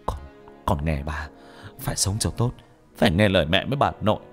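A man voicing a desperate young father in an audio story, pleading in a high, frantic, raw voice. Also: lively intonation, fairly quick, faint music behind. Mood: tender pleading.

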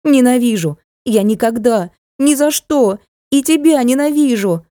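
A woman voicing a shrill, furious young noblewoman. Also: unhurried, no room sound, studio quality, lightly acted. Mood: screaming. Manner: shrill, high and shouting.

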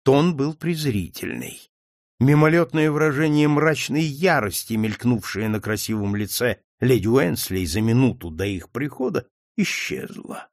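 Expressive male audiobook narrator. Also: mid-range voice, measured pace, no echo, clean studio sound. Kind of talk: audiobook reading.

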